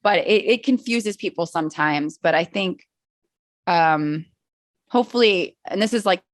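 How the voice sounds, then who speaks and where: A woman on the lower side of the female range chats as a guest, animated and playful with quick jokes and restarts. The sound is close and dry, with no room around it. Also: dry recording. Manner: animated, joking, lots of restarts and fillers. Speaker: podcast guest. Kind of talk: casual conversation.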